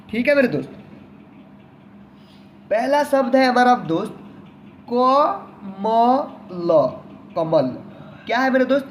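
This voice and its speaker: A man's voice: very high voice, a little hiss or hum. A man teaching an online lesson in a patient manner, who repeats each word several times and often addresses the viewer as his friend.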